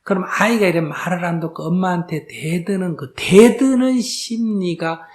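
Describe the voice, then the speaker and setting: A man's voice: sits high, moderate pace. A man, a Buddhist monk, giving a question-and-answer dharma talk to an audience, asking rhetorical questions and acting out quoted dialogue. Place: lecture hall before an audience.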